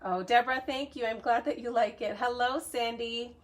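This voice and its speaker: A woman's voice: fairly high pitch, steady tone, normal speed. An adult woman from Canada, chatting casually through a live cardmaking tutorial, upbeat and reading viewer comments aloud. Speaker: cardmaking demonstrator.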